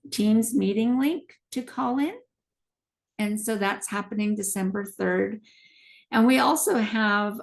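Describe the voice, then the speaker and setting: Woman losing her voice, gravelly. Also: mid-range voice. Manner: halting, many ums, restarts. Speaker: health plan community presenter. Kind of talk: presentation to a community meeting.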